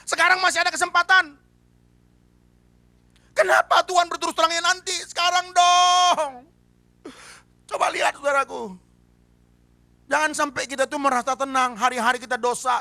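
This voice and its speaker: A man's voice: extremely high pitch, pushed and bright. A man preaching a sermon, emphatic and firing rhetorical questions at the congregation. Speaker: pastor. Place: church service.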